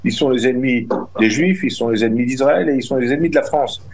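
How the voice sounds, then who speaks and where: The voice is mid-range, quick, and a little mellow: a middle-aged man, a guest and community representative, responding to interview questions. He comes across emphatic and indignant and keeps restarting his phrases.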